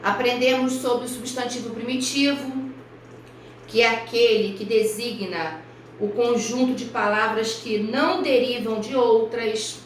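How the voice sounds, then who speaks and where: A woman primary school teacher from Brazil giving a recorded review lesson for children, speaking slowly and carefully and spelling out each example. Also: on the high side, steady tone, a little hiss or hum. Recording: echoey room, voice far from mic.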